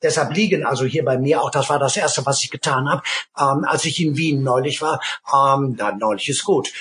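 A man's voice: medium pitch, normal speed, fairly bright tone. Middle-aged male musician guest, emphatic and digressive, hums phrases. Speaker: guest, conductor and violinist. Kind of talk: interview conversation.

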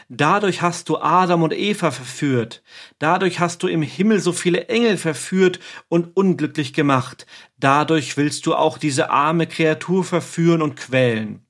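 A stern priest commanding a demon with preaching force, as a man reads him out. His voice climbs higher as he scolds, in a somewhat raised register. It sounds like a dramatized history reading. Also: animated, measured pace.

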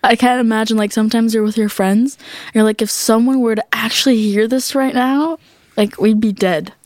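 Chatty, higher-voiced woman podcast host. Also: steady tone, a little fast, darkish tone, no room sound, studio quality. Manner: informal, chatty, playful. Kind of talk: casual chat interview.

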